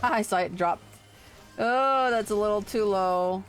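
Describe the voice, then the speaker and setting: A woman livestreamer chats casually with her viewers while playing an online game, in a playful, informal and sweary way. Her voice is mid-range and unhurried. Faint music plays behind her, and the audio is poor.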